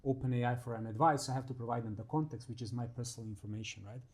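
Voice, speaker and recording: Animated man from Croatia co-hosting. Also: mid-range voice, very fast. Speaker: podcast co-host. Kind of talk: conversational interview.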